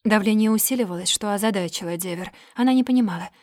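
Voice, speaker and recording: A woman's voice: medium pitch, fast, darkish tone, no echo. Woman reading a novel aloud, dry sound. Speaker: audiobook narrator.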